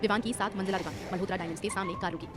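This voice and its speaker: A woman reads a serialized romance audio story with brisk, dramatic narration at a very rapid clip. Her pitch sits in a middle range, and clear music plays throughout. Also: fairly even intonation. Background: background music.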